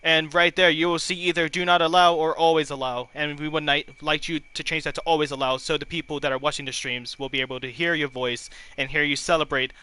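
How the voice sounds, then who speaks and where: A man's voice: a little high, little pitch movement, fast talker, hardly any pauses, sharp tone, clear, resonant tone, low-quality recording. A man co-hosting a racing stream with casual commentary, explaining things in an encouraging way. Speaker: co-host and race commentator.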